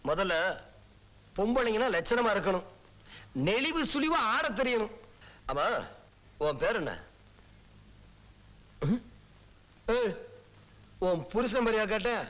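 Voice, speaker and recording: A blustering middle-aged village landlord in a film comedy, barking short insults and mocking everyone around him. His voice sits high and swings up and down a lot, with a bright, ringing edge. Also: animated, slow pace, pauses often, full character voice.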